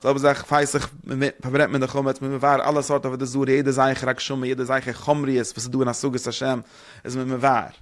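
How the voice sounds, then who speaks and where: A man giving a spoken religious lesson, rambling quickly and posing rhetorical questions to his listeners. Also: medium pitch, level tone. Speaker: religious teacher.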